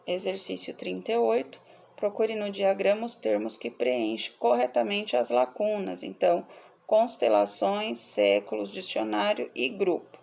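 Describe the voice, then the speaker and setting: A woman teacher slowly and patiently reads out and corrects children's workbook answers, taking the word lists one item at a time. Her medium-pitched voice is a little mellow with a strong gravelly fry, and she lists the words in a measured way for her pupils.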